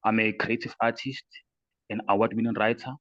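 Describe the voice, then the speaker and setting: A man's voice: on the low side, little pitch movement, fairly quick, fairly bright tone. A man from South Africa speaking formally as a panelist in an online discussion. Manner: formal, prepared phrasing. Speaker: panelist, writer. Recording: muffled online call audio.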